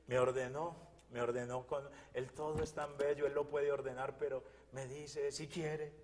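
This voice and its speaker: A man's voice: medium pitch, level tone, moderate pace, a little mellow, long reverb tail, slight background noise. A man from Colombia gives an earnest, fervent religious testimony, often repeating his phrases. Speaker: testimony guest.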